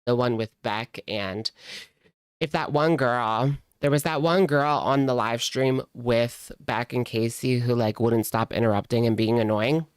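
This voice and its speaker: In a casual, sardonic, gossipy way, a reaction streamer talks through commentary at an unhurried pace. Her clear, smooth voice is medium in pitch. The recording is dry and close.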